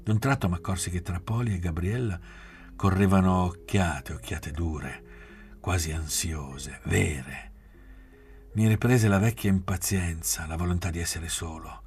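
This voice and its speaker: A man reading a novel aloud in measured, quiet literary narration. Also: deep voice, faint music behind. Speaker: reader.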